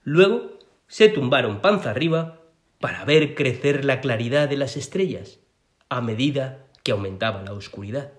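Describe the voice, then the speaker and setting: A man reading a children's story aloud as narrator, in an expressive way. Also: medium pitch, moderate pace. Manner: expressive, sing-song reading.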